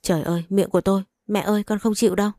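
A woman's voice: mid-range voice, fairly even intonation, rapid-fire, dry recording, studio quality, lightly acted. A woman voicing a whiny, bratty young sister-in-law in a storybook reading. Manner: whiny, shouting.

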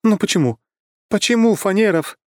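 A man's voice: on the high side, animated, a little fast, darkish tone, no echo, clean studio sound, pitched above the performer's own voice, lightly acted. A man reading an audiobook, voicing a blunt, teasing young woman in a raised voice. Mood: dismayed. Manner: mocking, flippant.

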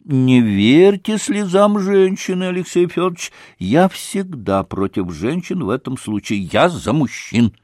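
A man voicing an excitable middle-aged society lady who talks effusively and breathlessly. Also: a little high, measured pace, hardly any pauses, no room sound, studio quality. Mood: gushing. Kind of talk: audiobook character voice.

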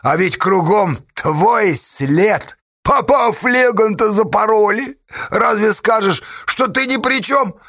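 A man's voice: high-pitched, takes it slowly, a bit bright, dry recording, studio quality, pitched above the performer's own voice, exaggerated voice. A man voicing a mocking, devilish male outlaw who taunts and hurls accusations.

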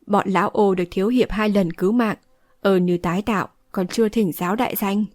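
A woman's voice: mid-range voice, brisk, a little mellow, dry recording, lightly acted. Woman reading as an old wuxia swordsman guy, polite and formal, dry close sound. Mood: respectful. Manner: courteous, formal speech. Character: elderly male martial hero, formal and grateful.

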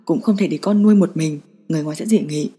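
A woman's voice: deep voice, fast, dark tone, husky, big-room sound, faint music behind, pitched below the performer's own voice. A woman doing a stern, cold old grandfather. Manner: cold, curt, commanding. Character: elderly stern grandfather, head of family.

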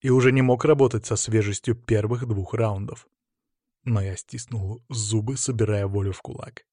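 A man reading a first-person audiobook in a tense, measured storytelling manner. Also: lowish voice, fairly even intonation, mellow, no echo, studio quality. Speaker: audiobook narrator.

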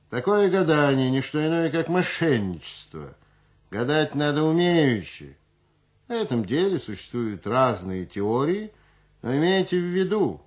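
Brief: male reader as a pedantic older judge, loud and lecturing, animated delivery. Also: mid-range voice, voice pushed up.

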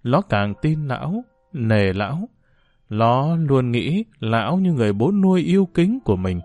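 A man narrating a novel as an audiobook in an expressive storytelling manner. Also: medium pitch, measured pace, dry recording, faint music behind.

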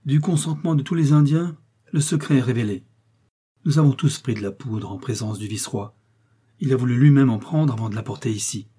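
Firm declaring elder, voiced by a male reader, pitched a bit up, husky, storybook. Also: a little fast, mellow, close to an everyday voice. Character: firm native elder, father figure.

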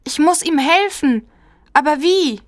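A young girl in a storybook reading, small and easily frightened, with a high, clear voice, played by a woman. The recording is dry and close. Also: unhurried, no echo. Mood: hopeful. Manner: anxious, wondering.

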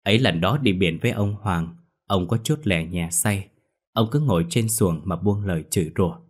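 A man narrating a ghost story in a slow, mournful way. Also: deep voice, slightly rough.

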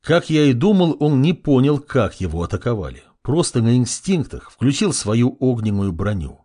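Male audiobook reader, husky tone, lively pitch, wry first-person delivery. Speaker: audiobook narrator.

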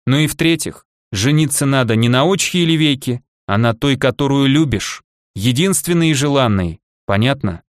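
A man reading a thirty-year-old male ruler and ex-soldier in an audiobook, self-deprecating and gently ironic, in a dry studio recording. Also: medium pitch, animated, moderate pace, no echo, lightly acted. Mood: earnest.

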